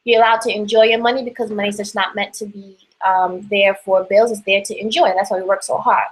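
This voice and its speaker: A woman's voice: medium pitch, fairly even intonation, fairly quick, poor audio. A young woman with a New York accent giving casual personal finance advice, chatty with lots of fillers and restarts.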